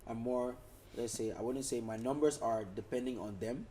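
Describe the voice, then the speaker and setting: There's a little hiss or hum as a young man from the Netherlands, a music artist, chats in a relaxed podcast interview at medium pitch and normal speed. He leans on lots of fillers and frequently restarts or repeats himself.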